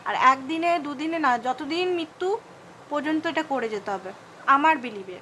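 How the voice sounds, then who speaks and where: A woman with a Bengali accent giving a fast, repetitive tarot reading and advice, mixing in English words. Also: high voice, bright, forceful tone, slight background noise, low-quality recording. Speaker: tarot card reader.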